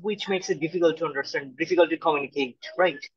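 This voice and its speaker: High-voiced young man, halting interviewer. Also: breathy edge, no room sound. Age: young adult. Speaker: interviewer, host. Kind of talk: casual interview. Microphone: video call. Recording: dull lo-fi call audio, dry.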